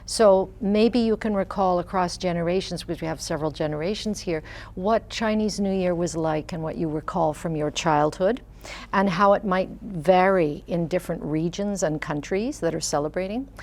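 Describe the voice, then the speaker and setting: A woman hosting a conversation, asking gentle, encouraging questions. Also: fairly low pitch, normal speed. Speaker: host. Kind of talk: conversational interview.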